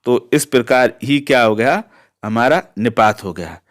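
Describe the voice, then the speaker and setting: Slow-talking Hindi grammar teacher, a man. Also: mid-range voice, expressive. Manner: slow, repetitive explanation with rhetorical questions. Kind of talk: grammar lesson.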